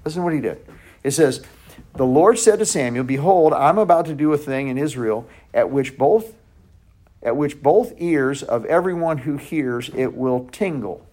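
A man leading a Bible study in a loose conversational way, often restarting and correcting himself, sometimes dropping his voice to a near hush. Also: a little high, moderate pace.

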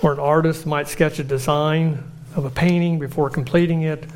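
Earnest man preaching a measured sermon. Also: fairly high pitch, fairly even intonation, a little mellow, a little hiss or hum. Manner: earnest, measured preaching with slow emphatic lists.

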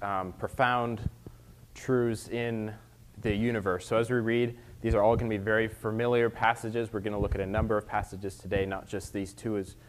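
A man preaching a sermon in a measured, earnest way, as a preacher reading scripture and teaching. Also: on the low side.

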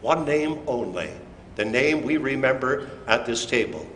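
Slow, deliberate preacher in an echoey church. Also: male voice, medium pitch, animated, a bit bright. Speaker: pastor. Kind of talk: communion sermon. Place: church sanctuary. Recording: echoey church hall with faint room noise.

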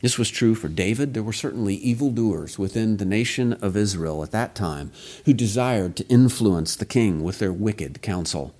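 Low-voiced man preaching an earnest sermon. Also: expressive, darkish tone. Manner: measured, earnest expository preaching with slow emphatic phrases.

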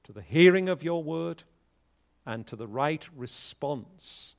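A man speaking at a pulpit microphone, a pastor leading prayer and reading scripture in a measured, solemn way. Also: on the high side, expressive, creaky. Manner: measured, solemn liturgical delivery.

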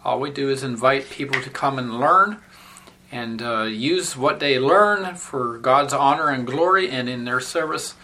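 A man teaching a Bible seminary lesson, speaking deliberately with frequent halting pauses before reading scripture in a solemn, measured way. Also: mid-range voice, pushed and bright, a little hiss or hum.

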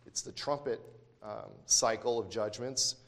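A man's voice: on the low side, a little slow, big-room sound. A man teaching a Bible lesson, reading verses aloud and explaining them with emphatic repetition and frequent self-corrections. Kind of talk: scripture lesson.

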